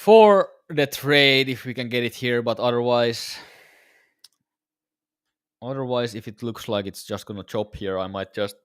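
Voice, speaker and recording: A man's voice: mid-range voice, a little slow, smooth, no room sound, studio quality. A tired man casually talking to viewers during a live trading stream, his voice a little worn. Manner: laid-back, musing, talks to viewers. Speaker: day-trading livestreamer.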